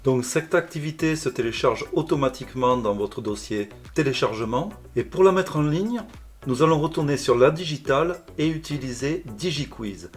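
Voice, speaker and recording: A male language teacher calmly explaining a software tutorial step by step. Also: on the high side, normal speed, faint music behind. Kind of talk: screencast tutorial narration.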